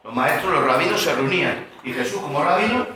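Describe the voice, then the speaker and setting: A man's voice: a little high, expressive, a little fast, pushed and bright, slight background noise. A male pastor giving a Bible study lesson, explaining words and quizzing his listeners. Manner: explanatory, asks the audience questions. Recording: very echoey room.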